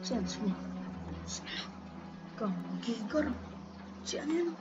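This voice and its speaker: A fairly high-voiced woman chats through her gameplay, teasing and calling out to the other players. The sound is dull and lo-fi, with background music playing clearly underneath. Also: lively intonation, measured pace. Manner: playful, teasing, talks to fellow players. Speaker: gameplay video host. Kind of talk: casual game commentary.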